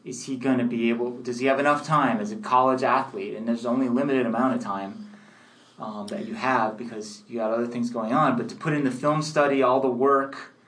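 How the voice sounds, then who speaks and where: Man breaking down football plays calmly. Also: medium pitch, a little fast. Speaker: sports podcast co-host. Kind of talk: casual sports talk.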